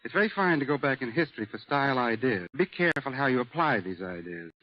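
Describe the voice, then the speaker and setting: On a dull, aged broadcast recording, a male guest expert on a radio show reads prepared answers. He is measured and factual, with a medium-pitched voice and lively intonation.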